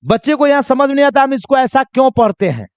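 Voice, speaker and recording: Man, very high voice, smooth, English teacher, asks and answers his own questions, dry, slightly muffled sound. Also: sing-song, quick pace, no room sound. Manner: repeats questions and answers them himself, coaxing; addresses students as children. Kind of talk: spoken English lesson.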